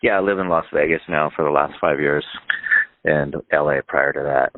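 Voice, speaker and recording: A low-voiced man in his fifties talks over a thin, phone-like line. He is from Northern California and chats loosely as a guest, circling back, restarting and dropping "like" as he goes. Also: normal speed, slight background noise. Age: 50s. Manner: rambling, lots of "like" and restarts. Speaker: guest musician. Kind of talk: casual phone interview.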